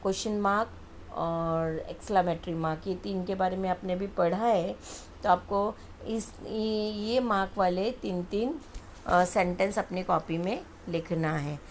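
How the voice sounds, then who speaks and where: A woman teacher giving a recorded lesson, patiently explaining step by step and reading English examples slowly. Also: medium pitch, slight background noise.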